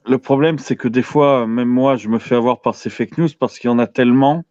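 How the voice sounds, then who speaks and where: A man's voice: medium pitch, fairly quick, a little mellow, no echo, dull audio. A man in his thirties phoning in to a live call-in show, talking in an earnest, hesitant way with lots of fillers. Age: 30s. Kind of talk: casual call-in chat.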